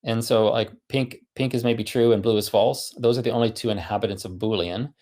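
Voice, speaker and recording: A man's voice: lowish voice, fairly even intonation, brisk, a little mellow. A man giving a technical conference talk, thinking aloud with many fillers and restarts. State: running out of breath. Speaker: conference speaker.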